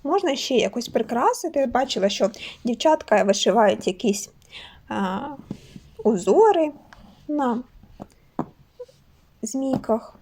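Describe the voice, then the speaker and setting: A woman's voice: a little high, lively intonation, slow pace, pauses often, warm tone. A cheerful, chatty woman from Ukraine showing her crocheted toys in a casual vlog. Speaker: crochet toy maker vlogger. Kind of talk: casual show-and-tell chat.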